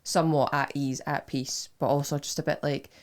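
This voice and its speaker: A woman's voice: low-pitched, level tone, moderate pace. A woman with a West Lothian Scottish accent chatting casually as a podcast host, using informal, sweary street Scots. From Scotland. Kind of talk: casual chat.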